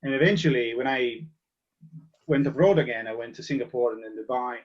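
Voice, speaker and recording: A man in a casual interview, a relaxed, jokey storyteller talking about his past bands. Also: mid-range voice, a little fast. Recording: slightly muffled lo-fi sound.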